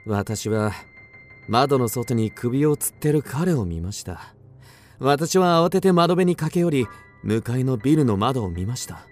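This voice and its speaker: Man acting an obsessed storyteller, suspenseful, animated, over music. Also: medium pitch, a little slow, close to an everyday voice. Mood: haunted, suspenseful. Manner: suspenseful, theatrical, with sudden swings. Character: obsessed, agitated man recounting an eerie mystery. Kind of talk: dramatic first-person radio drama narration.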